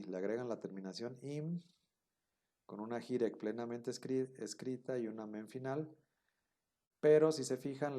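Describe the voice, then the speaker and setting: A man's voice: medium pitch, dark tone. A man teaching a grammar class, explaining step by step and checking in with his students. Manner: explanatory, repeats key terms, checks with "¿no?". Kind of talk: recorded classroom lecture.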